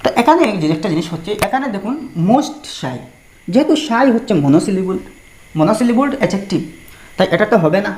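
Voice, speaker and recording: In an echoey room, a female tutor works through an exam-prep grammar lesson step by step, spelling out words letter by letter and pairing Bengali explanations with English examples. Her medium-pitched voice is expressive, fairly quick, and a little mellow.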